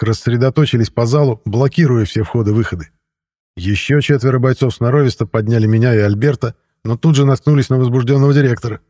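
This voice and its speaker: A man narrating a first-person audiobook in an even, steady storytelling voice. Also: mid-range voice, no room sound, studio quality.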